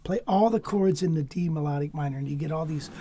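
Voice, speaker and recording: Husky-voiced man teaching jazz guitar. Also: fairly high pitch, fast talker, mellow. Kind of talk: relaxed lesson talk.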